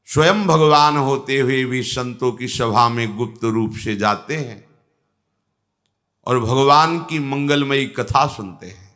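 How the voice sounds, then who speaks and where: An older man giving a slow, measured devotional discourse as a spiritual teacher, rising in tone when he quotes scripture. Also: mid-range voice, fairly bright tone.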